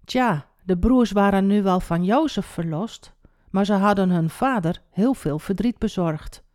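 A woman telling a Bible story to children, expressive and speaking directly to the young listener. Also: medium pitch, measured pace, no room sound, studio quality.

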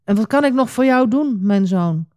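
A woman's voice: on the high side, lively intonation, moderate pace, darkish tone, voice pushed up, natural voice. A woman voicing an old father who trembles with shock and regret in a storybook reading. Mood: grave. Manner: trembling, startled.

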